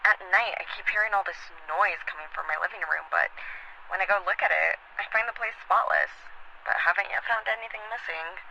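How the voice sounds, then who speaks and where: An uneasy male homeowner calling a hotline in a video game. His voice is high and very bright, puzzled as he asks for help, with faint noise on the recording. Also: a little fast, creaky, full character voice, low-quality recording.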